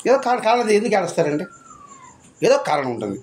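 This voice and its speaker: Guy preaching a devotional talk, kinda high voice that swings up and down a lot, keeps asking questions and repeating himself. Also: wildly swooping pitch, fast, a little mellow. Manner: rhetorical questions and repetition. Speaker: spiritual speaker. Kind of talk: devotional discourse.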